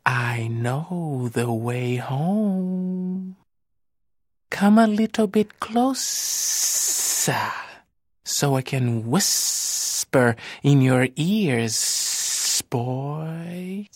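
A man voicing a sinister snake in a storybook tale, whispering slowly and coaxingly. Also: on the high side, expressive, no room sound, studio quality, exaggerated voice. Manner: very slow, drawn-out, coaxing.

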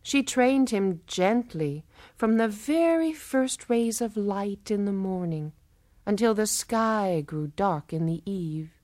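A woman telling a folktale in a measured, lilting, rhythmic way. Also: mid-range voice, animated, a little mellow, no echo. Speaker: storyteller. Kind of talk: expressive folktale narration.

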